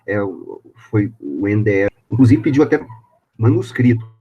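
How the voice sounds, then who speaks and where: Give me a Brazilian Portuguese man teaching online, halting and full of fillers, his voice on a breaking-up, choppy call line. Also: on the low side, lively intonation, dark tone, breathy edge, muffled recording. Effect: choppy breaking-up call audio. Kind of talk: online class talk. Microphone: home computer on a video call.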